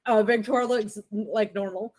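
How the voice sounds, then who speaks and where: A woman's voice: mid-range voice, fairly even intonation, normal speed, a little mellow. Hesitant woman player. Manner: hesitant, many likes and restarts. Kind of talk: casual tabletop game chat.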